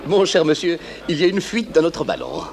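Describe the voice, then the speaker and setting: An actor playing a pompous, easily affronted gentleman general, haughty and obtuse, in a French-dubbed comic adventure film. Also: a little high, a little fast, gravelly, slight background noise. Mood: condescending.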